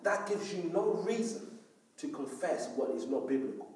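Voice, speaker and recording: Echoey preaching man, high voice. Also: big pitch swings, normal speed, darkish tone, slight background noise. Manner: emphatic preaching, often asking the congregation "Do you understand?". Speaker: pastor. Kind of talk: sermon. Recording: very echoey room, voice from far off.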